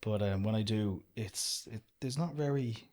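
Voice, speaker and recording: A man's voice: fairly low pitch, unhurried. A young Irish man, an outdoor business owner, talking casually and rambling as a podcast guest. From Ireland. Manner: relaxed, rambling, lots of "do you know". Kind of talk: casual interview chat.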